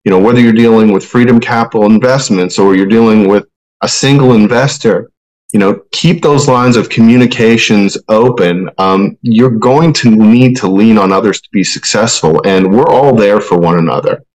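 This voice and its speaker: A man with a fairly low voice co-hosting a podcast. He talks in a friendly, earnest way that leans a little salesy, with casual fillers. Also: normal speed, a little mellow, poor audio. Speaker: podcast co-host.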